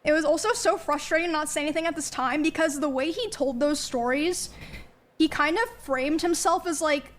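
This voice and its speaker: A woman's voice: high-pitched, normal speed. A young woman, a streamer, giving a candid spoken account of her own experiences, hesitant and full of ums and likes. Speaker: streamer recounting personal events.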